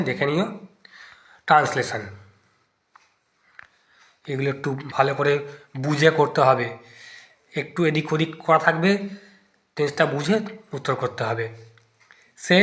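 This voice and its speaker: A man's voice: fairly high pitch, fairly bright tone. A man teaching an exam-prep lesson, thinking aloud as he tests each answer option in turn. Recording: echoey room.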